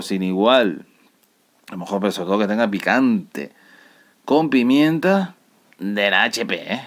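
A man from the Canary Islands with a Canarian Spanish accent, casually explaining local slang words as a podcast host, now and then dropping into quiet, near-whispered asides. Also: fairly low pitch. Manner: lively, drops often into near-whispered asides.

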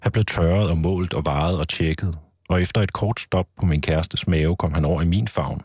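A man with a very deep, husky voice reads from his own book in a calm, measured way. The studio sound is close and dry. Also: no room sound. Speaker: author guest. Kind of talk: reading aloud from his book.

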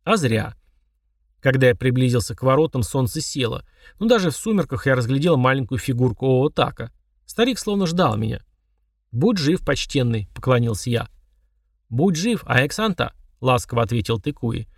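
Working as an audiobook narrator, a man with a medium-pitched voice reads a first-person novel in a measured, even storytelling style. The studio-quality recording has no room sound, though the mic is distant.

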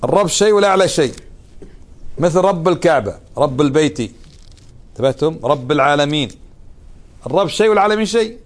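A man's voice: on the high side, lively intonation, fast, pauses often. Man teaching a religious lesson. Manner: questions the students often. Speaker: Islamic teacher.

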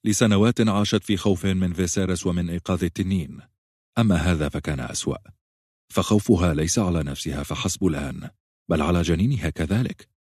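A male audiobook narrator with a very low, husky voice, reading in a measured, even way. The recording is close and bone-dry, with no room sound at all. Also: no echo.

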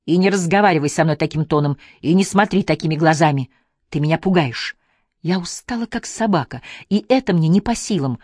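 A woman's voice: low voice, a little fast, a little mellow, no echo. A reader putting on a tired young woman pushed to her limit. She defends herself in a lifted, strained voice, pleading and hitting back. An audiobook figure in a dry, close read. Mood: defensive. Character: tired young wife, defensive, near tears.

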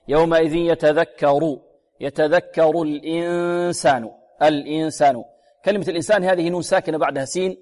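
A man with a fairly high voice gives a tajweed lesson in a room with long reverb, slowly stretching out each example word and repeating it many times. He asks his own questions and answers them in a patient teaching tone.

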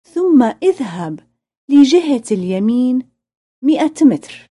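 A woman reading scripted phrasebook lines deliberately, as in a language-lesson drill. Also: high-pitched, big pitch swings, mellow. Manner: deliberate repetition-drill delivery.

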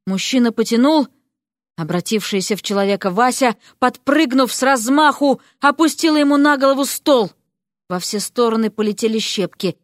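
A woman reading a fantasy story aloud with lively, expressive narration. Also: a little high, no room sound, studio quality. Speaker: audiobook narrator.

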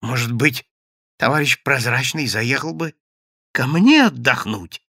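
A man's voice: mid-range voice, expressive, measured pace, gravelly, bright, forceful tone, no room sound, clean studio sound, exaggerated voice. A man voicing a nervous, fawning male office chief who wheedles.

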